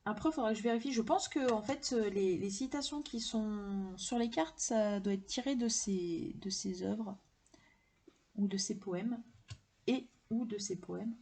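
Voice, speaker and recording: Chatty woman, warm husky voice. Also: medium pitch, normal speed. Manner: chatty and enthusiastic, with many fillers and restarts. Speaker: tarot and oracle deck collector showing her decks. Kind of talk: casual chat to camera.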